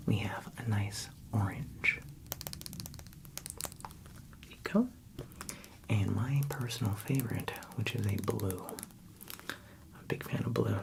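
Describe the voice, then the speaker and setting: Whispering man in a gravelly librarian role-play. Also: medium pitch. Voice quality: soft, breathy library whisper with gravelly edges. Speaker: ASMR performer playing a friendly librarian.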